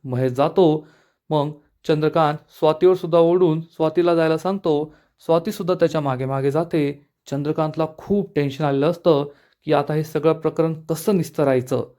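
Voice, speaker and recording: Brief: male recap narrator, plain storytelling, a bit high-pitched. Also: fairly even intonation, moderate pace, dark tone. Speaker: serial episode recap narrator.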